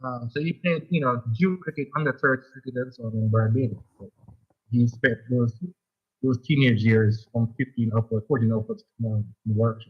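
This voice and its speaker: A man's voice: mid-range voice, moderate pace, breathy edge. A man calling in to a radio talk show, chatting eagerly about cricket and often repeating himself. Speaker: caller. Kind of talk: phone-in chat about cricket. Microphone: phone line. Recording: lo-fi phone line.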